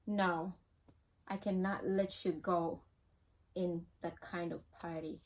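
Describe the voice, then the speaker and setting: A woman's voice: lowish voice, level tone, takes it slowly, darkish tone. Ugandan-accented woman, mother figure; earnest, cautioning, casual advice talk. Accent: Ugandan English. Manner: earnest, cautioning, repeats herself.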